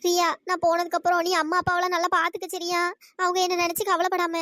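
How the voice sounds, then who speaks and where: A woman's voice: very high voice, monotone, fast talker, a bit bright, no room sound, studio quality. A woman voicing a tearful young woman in a cartoon story, pleading as she prepares to leave home. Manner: sobbing, pleading.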